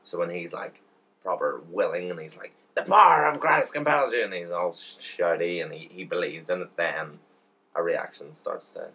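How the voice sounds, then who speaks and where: A man with a very low, deep voice co-hosts a casual podcast. He swears freely and tells stories with animated emphasis, filling the gaps with "like" and "mate". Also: normal speed, slightly rough. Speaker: podcast co-host. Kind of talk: casual chat.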